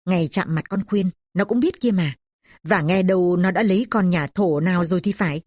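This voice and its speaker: A woman voicing a middle-aged neighbor who calmly passes on news and gossip. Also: on the low side, a little fast, dry recording, clean studio sound, natural voice.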